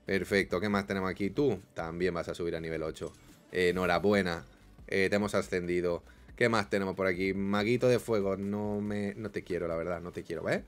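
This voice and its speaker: A young man commenting casually on a game, swinging between mock despair and loud excitement. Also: low voice, brisk. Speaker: gaming YouTuber.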